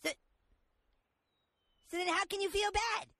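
A man's voice: very high-pitched, fairly even intonation, a little slow, sharp tone, no room sound, full character voice. A man voicing a bratty, scheming cartoon boy who talks in a smug, whiny, indignant way. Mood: incredulous. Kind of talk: cartoon voice acting.

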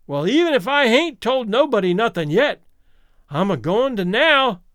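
A man's voice: very high-pitched, very animated, normal speed, a bit bright, no room sound, studio quality, voice pushed up, heavily acted. A man voicing a mad, terrified old townsman, ranting in rustic speech. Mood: urgent. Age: older. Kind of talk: audiobook character voice.

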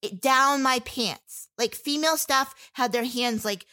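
In an interview, a woman shares personal testimony in a somewhat raised, bright, pushed voice that sits high. She talks candidly but haltingly, frequently breaking off to restart sentences, with fillers scattered throughout.

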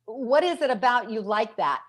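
Animated middle-aged woman, higher voice. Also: moderate pace. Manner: animated storyteller, acts out quoted kids. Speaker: guest expert, educational psychologist. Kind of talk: conversational interview.

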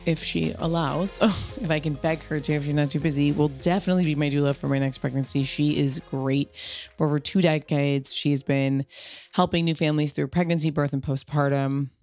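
Low, gravelly-voiced woman podcast host. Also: a little mellow. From Pasadena, California. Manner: enthusiastic, chatty, laughs easily. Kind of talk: podcast intro and casual interview.

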